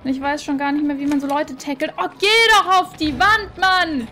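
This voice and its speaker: A woman giving casual gameplay commentary on a headset, excitable and swearing at the game. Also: sits high, moderate pace, over loud music. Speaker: let's play gamer.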